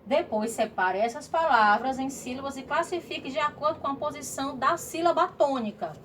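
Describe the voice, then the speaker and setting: High-voiced teacher, heard from a distance. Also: female voice, normal speed, fairly bright tone. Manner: patient, checks in with "tá?" and "certo?". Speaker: primary school teacher. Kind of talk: remote class walkthrough. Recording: distant mic, faint room noise.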